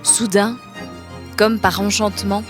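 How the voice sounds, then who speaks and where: A woman narrates a children's picture book in a slow, soft, expressive reading voice of middling pitch. Gentle music runs under her words. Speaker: storyteller.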